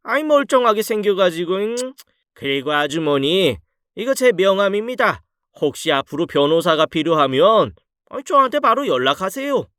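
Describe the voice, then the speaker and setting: Storybook drama: a man as a haughty middle-aged firm boss scolding an impostor, high and animated. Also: normal speed, clear, resonant tone, no room sound, studio quality, full character voice. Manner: lecturing, scolding.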